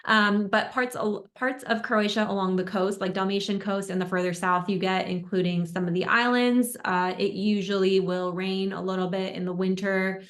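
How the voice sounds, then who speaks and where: Her voice is medium in pitch, fairly bright, and steady, with a moderate pace and few pauses. She is a young American woman and tour destination expert, presenting a friendly webinar over a video call from a room in her home, peppered with ums and uhs.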